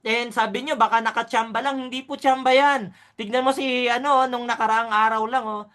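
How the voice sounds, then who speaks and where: A woman's voice: a little high, steady tone, a little fast, a bit bright. A woman presenting a business orientation, upbeat and hyped, often asking her audience "di ba?". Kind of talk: sales presentation.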